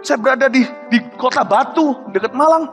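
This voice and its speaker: A pastor from Indonesia in his forties preaching a sermon, swinging from loud exclamations to low, hushed passages. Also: animated, moderate pace. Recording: long reverb of a large hall. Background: faint music.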